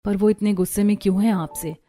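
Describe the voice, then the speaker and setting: A woman voicing a kind, polite young daughter-in-law in an animated story, speaking softly. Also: medium pitch, fast, faint music behind, close to an everyday voice. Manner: soft, polite.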